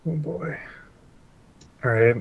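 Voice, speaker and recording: Slow-talking man, casual tabletop player. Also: on the high side, vocal fry, husky, no room sound, phone-quality sound. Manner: hesitant, thinking aloud. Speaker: player in a tabletop role-playing game. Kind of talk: casual chat.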